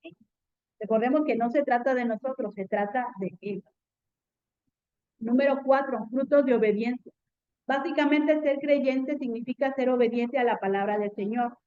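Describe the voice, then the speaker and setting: High-voiced woman teaching a Bible class. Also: normal speed, smooth, phone-quality sound. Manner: earnest, often checks in with students asking "¿sí?".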